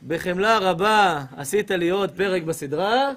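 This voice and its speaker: A man giving a humorous sermon as a rabbi, telling stories animatedly and acting out other people's voices. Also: high-pitched. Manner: animated comic storytelling, acts out women's voices.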